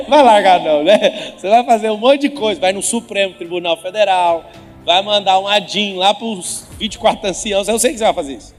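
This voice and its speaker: A man's voice: high voice, fairly quick. A man giving a live motivational talk with religious teaching at an event, teasing and quizzing the audience directly. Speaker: motivational speaker. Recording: reverberant event hall with faint music.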